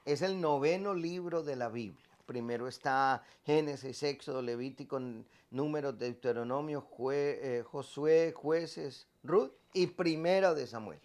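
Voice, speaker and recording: A man's voice: medium pitch, measured pace, hardly any pauses, a little mellow. A man, a priest preaching a sermon and stressing points by repeating phrases.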